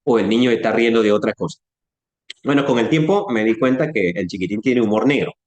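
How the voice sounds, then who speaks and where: A man with a Latin American Spanish accent teaches an informal Bible class, speaking in a low-leaning, brisk voice with a darkish tone and a roomy sound. He keeps it conversational, putting questions to his listeners and acting out speech sounds.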